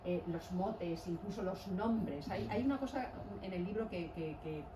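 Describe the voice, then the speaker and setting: A woman's voice: on the low side, measured pace, reverberant, distant mic, noisy background. A Spanish woman, a journalist, asking questions in a chatty, somewhat hesitant way. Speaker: journalist host. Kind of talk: book presentation talk.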